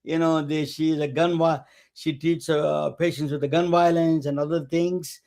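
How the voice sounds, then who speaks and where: Halting male webcast host. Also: on the high side, flat delivery, vocal fry, darkish tone. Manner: halting, many restarts and fillers. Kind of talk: casual interview introduction.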